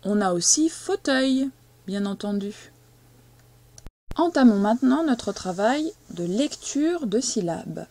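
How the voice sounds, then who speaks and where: A woman teaching a young child to read, speaking slowly and patiently and stressing each syllable as she dictates. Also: fairly high pitch, animated, dark tone, no echo. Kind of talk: reading and spelling lesson for a young child.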